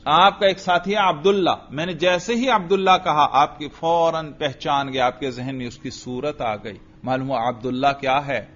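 A male religious teacher giving a classroom grammar lecture, drilling students with repeated questions and chanting phrases slowly in a sing-song. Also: fairly high pitch, fairly bright tone. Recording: dull lo-fi lecture recording.

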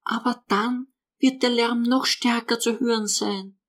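A meek young woman in a storybook reading, high and hushed, as a man puts her on. She speaks softly and flatly, a little away from the mic. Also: unhurried. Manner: soft, hushed and flat.

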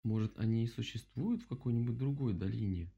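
A man voicing a calm, wise and kind female bear in a storybook, speaking gently and reassuringly. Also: mid-range voice, brisk, gravelly, lo-fi sound.

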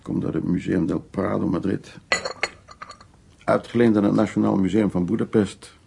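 In a naturalistic radio drama, a male actor plays a worldly, flirtatious, self-assured art restorer in middle age, delivering short, familiar lines without hurry. His low voice is gravelly and mellow, with fairly even intonation, and a little hiss or hum sits under the recording. He comes across as relaxed and sure of himself.

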